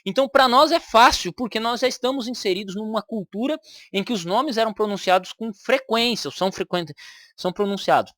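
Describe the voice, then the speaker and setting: A woman's voice: on the high side, fairly quick, a bit bright, dry recording, studio quality. A woman with a Brazilian Portuguese accent, giving argumentative reaction commentary on a video and repeating her points for emphasis.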